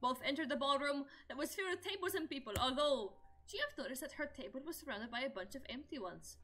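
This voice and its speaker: Very high, giggly streamer woman. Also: fast. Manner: giggly and excitable, laughs often. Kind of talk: casual live-stream chat.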